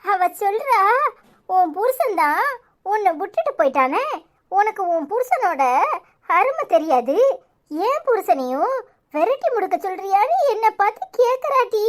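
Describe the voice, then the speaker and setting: This is a woman playing a sharp-tongued cartoon aunt with a thick Tirunelveli accent. Her voice sits extremely high and shrill. She nags, taunts and yells as if the whole household should hear. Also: big pitch swings, a little slow, long pauses, heavily acted. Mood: scolding. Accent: Tirunelveli Tamil. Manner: nagging, shouting at the phone. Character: scolding middle-aged aunt, sharp-tongued and dramatic.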